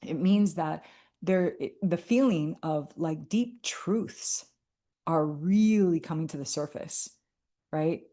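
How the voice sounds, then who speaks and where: A woman's voice: low voice, slow, warm tone. A woman talking to camera about astrology in a casual, heartfelt way, earnest and full of fillers and restarts. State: tearful at moments. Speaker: astrology vlogger.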